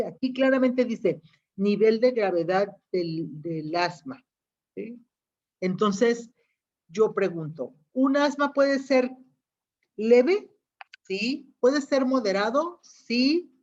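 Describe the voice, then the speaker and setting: A woman's voice: fairly high pitch, darkish tone. Woman teacher explaining patiently. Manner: explains patiently, checks understanding with frequent questions. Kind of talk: online class lecture. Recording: dull lo-fi audio.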